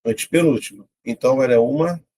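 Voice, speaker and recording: A man teaching a casual online Portuguese lesson, chatty and colloquial, working through examples step by step out loud. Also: medium pitch, fast talker.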